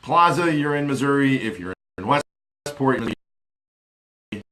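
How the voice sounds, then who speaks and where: Hosting a laid-back live stream, a forties-aged man talks into a studio mic on his desk in a small home office, wearing headphones. His mid-range voice is expressive and a bit bright at a measured pace, chatty and rambling with lots of fillers, and there's a little hiss or hum.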